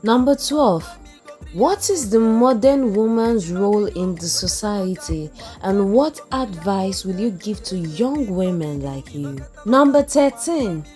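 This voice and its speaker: A woman presenting scripted instructional tips as a narrator, in a deliberate, clearly enunciated manner. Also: medium pitch, lively intonation, warm tone. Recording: music playing behind the voice. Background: background music.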